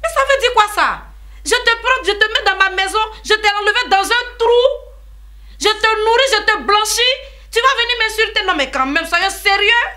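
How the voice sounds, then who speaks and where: An actress with an Ivorian French accent playing a proud, quick-tempered married older sister in a TV drama. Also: female voice, a little high, animated. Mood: angry. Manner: scolding, indignant, rising to shouts. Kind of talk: TV drama acting.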